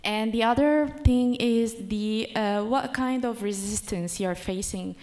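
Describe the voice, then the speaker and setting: A woman's voice: a little high, unhurried, darkish tone. A woman from Egypt asking a panel a question from the audience, polite and grateful. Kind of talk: public Q&A question.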